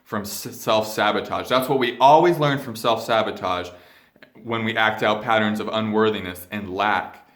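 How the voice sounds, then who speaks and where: A man's voice: lowish voice, moderate pace, a bit bright. Earnest man in an echoey room. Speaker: spiritual video coach. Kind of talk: reflective spiritual vlog monologue. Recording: roomy echo.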